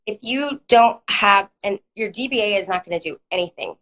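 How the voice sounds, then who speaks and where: Woman lawyer, guest on a live stream, has a cold, clears her throat, explains step by step with fillers. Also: medium pitch, lively intonation, normal speed, fairly bright tone, poor audio. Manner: plain explanatory, uses hedging fillers. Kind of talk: live interview, explaining legal steps. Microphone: online video stream.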